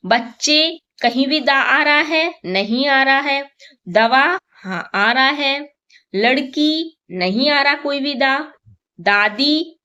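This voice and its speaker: A woman teacher slowly walks through a first-grade exam paper, counting aloud and answering her own questions. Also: high voice, sharp tone, dull audio. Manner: slow, patient, counts aloud and asks questions then answers them.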